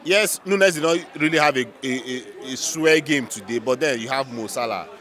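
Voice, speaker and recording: A man's voice: mid-range voice, normal speed, fairly bright tone. Emphatic Nigerian man giving football reaction. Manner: emphatic, repeats phrases for effect. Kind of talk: unscripted football punditry.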